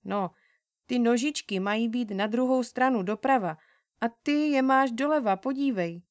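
A woman's voice: on the high side, no room sound, studio quality, close to an everyday voice. A woman voicing a cheeky older brother in a storybook, teasing and explaining in a boyish way.

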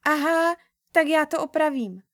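A woman voicing an earnest little girl in a storybook reading, speaking in a high childlike way. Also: lively intonation, a little mellow, no echo, clean studio sound. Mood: hasty.

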